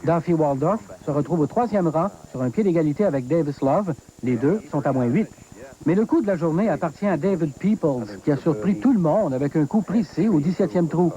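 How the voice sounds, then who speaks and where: A man's voice: on the high side, animated, a little fast, dark tone, dull audio. A man with a Quebec French accent reading scripted golf commentary as a sports reporter.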